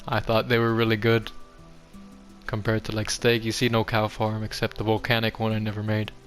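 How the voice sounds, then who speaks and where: A young man hosting a gaming video gives a casual, offhand tour of a game, rambling along and poking fun at himself. His voice is lowish and fairly bright, delivered in a monotone at a fairly quick clip. Music plays behind him.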